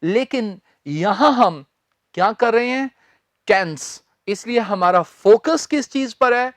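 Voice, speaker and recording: Slow, high-voiced male grammar teacher. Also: animated, a bit bright, dry recording. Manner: slow and deliberate, spells words out letter by letter and repeats key phrases. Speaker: English teacher. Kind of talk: recorded grammar lecture.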